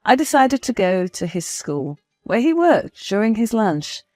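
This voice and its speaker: A woman's voice: medium pitch, big pitch swings, a little slow, a little mellow, no room sound, soft background music. A woman narrating a first-person story in a confiding, storytelling manner.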